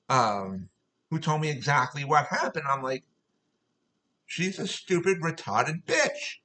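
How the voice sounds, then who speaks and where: A man vents to his viewers in a long, profane rant, circling back over the same points with mounting exasperation. His voice is bright and pressed, sitting a little high for a man. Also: low-quality recording. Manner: profane, exasperated, repetitive storytelling. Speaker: vlogger. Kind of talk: angry ranting monologue.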